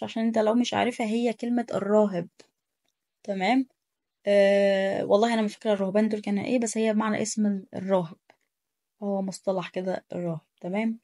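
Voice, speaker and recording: A woman's voice: mid-range voice, gravelly, darkish tone. An Egyptian Arabic-speaking woman teaching German pronunciation in a casual tutorial, correcting and repeating sounds with emphasis.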